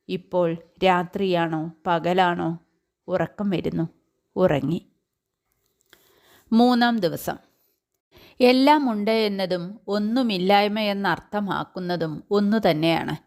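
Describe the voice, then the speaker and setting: A woman reading a short story aloud in a calm, measured, reflective way. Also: lowish voice. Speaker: story reader.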